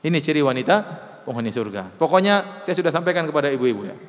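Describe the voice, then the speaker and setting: A man preaching an Islamic sermon in a high-pitched voice. He recites Arabic passages slowly and explains them step by step, asking the audience rhetorical questions. A long hall reverb trails behind his words. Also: expressive. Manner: explains Arabic texts line by line, often adding rhetorical "ya" and questions; chants Arabic quotations slowly.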